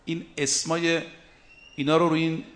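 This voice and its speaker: A man preaching a religious sermon, driving his points home in short rhythmic lists and slowly intoning Arabic verses. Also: on the high side, flat delivery, fairly bright tone.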